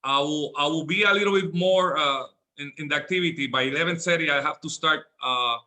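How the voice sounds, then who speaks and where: A man's voice: on the high side, fairly quick, bright, forceful tone. A man who is a guest speaker on a video call, talking hesitantly and searching for his words.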